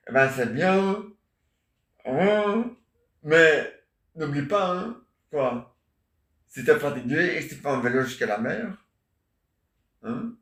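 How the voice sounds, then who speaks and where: In an echoey room, a man vlogs in a meandering, jokey way, leaning heavily on fillers and little asides. His voice is on the high side and a bit bright.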